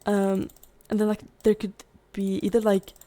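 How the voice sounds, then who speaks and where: A young adult woman, a gaming YouTuber, chats casually over gameplay in a mid-range, mellow voice with flat delivery at a moderate pace. She rambles and fills every gap with "like," and her voice sounds strained, as if giving out.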